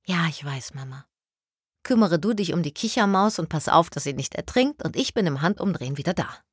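A woman voicing a confident, brisk businesswoman who chairs her own company. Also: on the low side, expressive, slightly rough, dry recording, clean studio sound. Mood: breezy. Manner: brisk, upbeat and self-assured.

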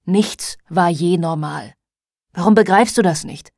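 A woman's voice: on the low side, a little slow, a little mellow, no echo. Woman reader as a worn-out father, middle-aged, blunt and weary, dry booth sound, audiobook character.

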